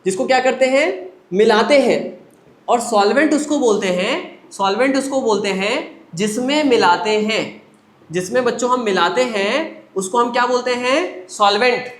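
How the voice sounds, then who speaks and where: A man's voice: very high-pitched, normal speed, reverberant. A male science teacher giving a lecture. He asks his students questions, answers them himself, and keeps repeating the point in a coaxing way. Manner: repetitive, coaxing, calls students children. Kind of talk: classroom lecture.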